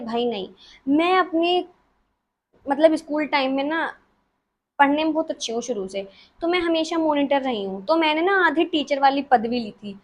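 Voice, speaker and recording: A woman of twenty, chatting casually as a vlogger answering follower questions in her bedroom, giggly and self-mocking. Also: sits high. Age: 20s. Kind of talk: casual chat.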